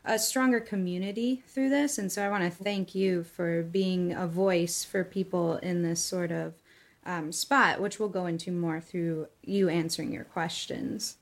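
A woman's voice: on the low side, fairly even intonation, measured pace, gravelly. A woman co-hosting a podcast, thanking her guest and asking probing questions about her story. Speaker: podcast co-host. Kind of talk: interview questions.

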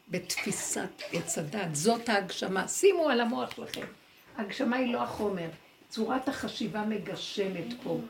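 A woman giving a Torah lesson to a group, lively and full of rhetorical questions, acting out inner dialogue as she explains. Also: mid-range voice, creaky, slight background noise. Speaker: Torah teacher.

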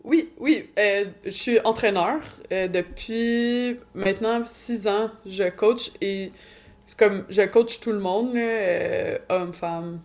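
A woman with a Quebec French accent, a Muay Thai fighter and coach, gives casual, informal interview answers peppered with English words. Her voice is medium-pitched and her pace slow.

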